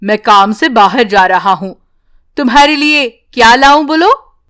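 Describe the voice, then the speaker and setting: A woman voicing a gentle, caring village father in an animated bedtime story, speaking slowly and fondly. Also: on the high side.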